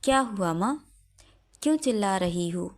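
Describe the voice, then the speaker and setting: A woman voicing a calm young son who tries to reason with his mother. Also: mid-range voice, measured pace. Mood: concerned. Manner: calming, reasonable.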